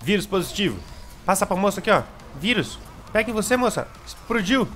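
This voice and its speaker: A young Brazilian man with a Brazilian Portuguese accent commenting on his gameplay casually, excitable and repeating words, with sudden shouts. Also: high voice, a little fast, a little hiss or hum. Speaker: gameplay streamer.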